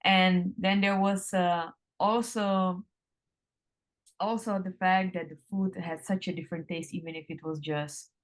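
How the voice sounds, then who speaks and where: Lady guest, lowish voice, lots of ums, slow and thinking out loud. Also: steady tone. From Czech Republic. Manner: hesitant, many ums, slowing and drawn out. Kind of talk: casual interview answers.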